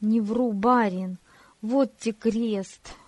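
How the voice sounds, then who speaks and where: A woman's voice: on the high side, steady tone, extremely slow, no echo. A woman voicing a big, bony peasant coachman who speaks humbly and folksily to his young master. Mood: pleading. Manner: folksy, deferential.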